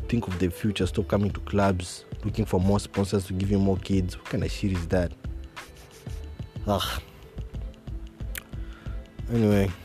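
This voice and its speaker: Profane Kenyan podcaster telling a story. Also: male voice, fairly low pitch. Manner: animated, swearing, switching into Swahili. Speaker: podcast host.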